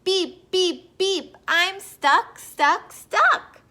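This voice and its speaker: A woman voicing a small, friendly male pickup truck in a children's picture book read-aloud, with a high, eager, bouncy voice. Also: expressive, drawn-out words, bright, forceful tone, heavily acted. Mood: panicked.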